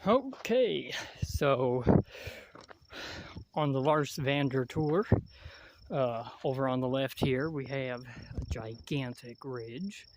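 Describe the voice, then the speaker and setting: A young man giving a rambling, halting tour of a mountain hike outdoors, out of breath and filling pauses with many ums, talking into a handheld phone. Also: mid-range voice, animated, background noise. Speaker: vlogger giving a hiking tour. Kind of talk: casual hiking vlog.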